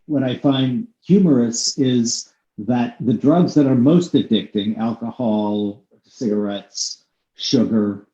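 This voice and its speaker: A podcast host with a mellow, darker voice, talking through ideas in long, winding stretches and leaning hard on points he cares about. He sounds a bit muffled in a room with plenty of echo. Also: medium pitch, takes it slowly. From United States. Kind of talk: conversational interview. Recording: echoey room, slightly dull sound.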